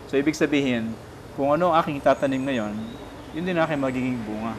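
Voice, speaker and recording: A man, a priest giving a casual spiritual talk, gentle and teaching, often checking in with his listener. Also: mid-range voice, fast, noisy background.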